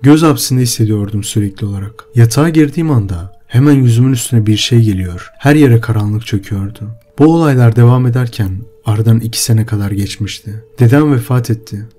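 A man narrating a horror story in a steady, measured way. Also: mid-range voice. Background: faint music.

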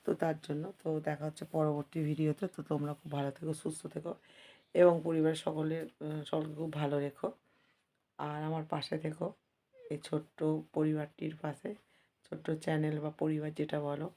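Hoarse lady talking to her viewers while she cooks at home, low and kinda flat. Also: brisk. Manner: chatty, addresses viewers as friends. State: hoarse from a cold. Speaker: vlogger. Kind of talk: casual home vlog chat. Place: home kitchen.

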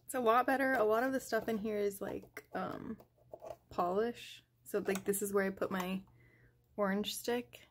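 In an indoor nail room at home, a young woman sorts her nail polish desk and chats informally, pausing and using fillers as she thinks out loud. She speaks at a moderate pace in a mid-range voice with fairly even intonation. An overhead desk camera captures it, with slight background noise.

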